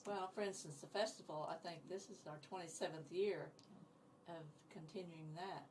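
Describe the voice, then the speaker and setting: A woman's voice: lowish voice, fairly even intonation, normal speed, darkish tone, slight background noise. A woman in her seventies from Indiana, a guest in a casual interview, telling stories in an upbeat, chatty way. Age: 70s. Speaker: interview guest, community group founder. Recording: voice picked up from a distance.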